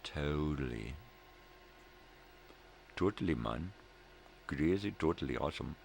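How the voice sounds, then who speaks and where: A middle-aged man hosts his daily morning video log, chatting casually and rambling in a laid-back stoner drawl, often repeating himself. His voice is extremely low, creaky and darkish, animated yet unhurried. Noticeable background noise is present.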